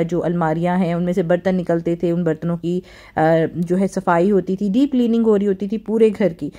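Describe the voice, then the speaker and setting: A woman's voice: medium pitch, dark tone. A middle-aged woman from Pakistan, narrating her home vlog in a chatty way, with many fillers and English words mixed in. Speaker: vlogger.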